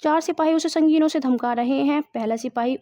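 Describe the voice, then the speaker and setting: A woman's voice: high voice, mellow, no room sound, lo-fi sound. A woman teacher reading a play aloud in a lecture, reading the stage directions and explaining words.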